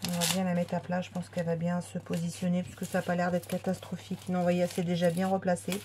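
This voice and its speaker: Chatty woman unboxing crafts, lowish voice. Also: completely flat delivery, quick pace, background noise. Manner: chatty, lots of fillers and restarts. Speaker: craft vlogger. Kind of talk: casual unboxing chat.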